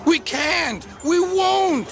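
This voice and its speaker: A man voicing a group of stubborn old freight cars that wail and refuse to move, shouting high over music. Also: expressive, drawn-out words, vocal fry, heavily acted. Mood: wailing protest.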